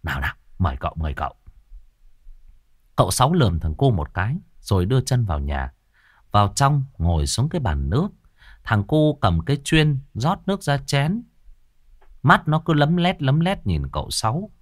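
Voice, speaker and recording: A man narrating a ghost story in an earthy, colloquial, expressive way. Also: medium pitch, moderate pace, no room sound, clean studio sound.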